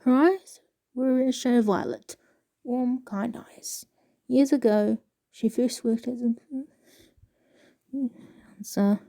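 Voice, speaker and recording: A woman casually reading passages aloud with a halting, stumbling delivery and soft asides. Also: a little high. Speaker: video creator reading excerpts aloud.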